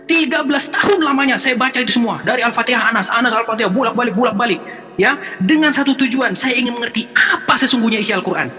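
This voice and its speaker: Fast, bright-voiced man arguing. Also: very high-pitched, big-room sound, faint music behind. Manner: mocking, exasperated, lecturing. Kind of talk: heated online debate.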